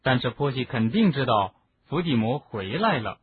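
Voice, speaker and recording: A man's voice: mid-range voice, big pitch swings, moderate pace, slight background noise, lightly acted. A man reading an audiobook, voicing a puzzled, touchy teenage boy hero who asks incredulous questions. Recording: narrow phone-like lo-fi sound.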